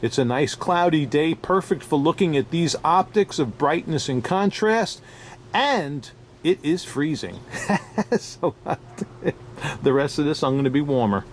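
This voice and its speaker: A man with a New York accent, speaking a bit higher than most men. He talks loosely and off the cuff, chuckling between points as he reviews stones for the camera. A faint hum of ambience sits behind him. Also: animated, a little slow. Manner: chatty, chuckling, loose and unscripted. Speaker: diamond dealer. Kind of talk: casual product review vlog.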